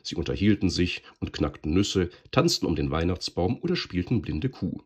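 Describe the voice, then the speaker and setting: A deep-voiced man reading a storybook aloud, lively and expressive, with a husky grain. His pitch moves widely as he reads. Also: moderate pace.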